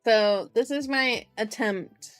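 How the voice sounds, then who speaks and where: Taking it slowly in a voice on the high side, a VTuber host chats casually during her livestream. She talks in a playful, childlike manner and repeats herself a lot, and background music can be heard.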